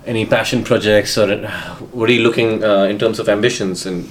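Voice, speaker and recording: Hesitant male interviewer, low voice. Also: fairly even intonation, crowd noise. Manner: hesitant, many fillers and restarts, quick backchannel. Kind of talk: casual interview questions.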